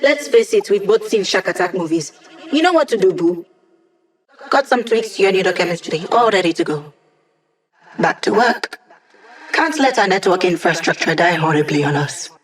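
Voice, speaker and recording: A woman's voice: fairly low pitch, expressive, moderate pace, natural voice, low-quality recording. An actress playing a young female hacker in a video game, with wry, casual, teasing, tech-savvy banter. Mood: wry, playful. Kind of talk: video game character dialogue.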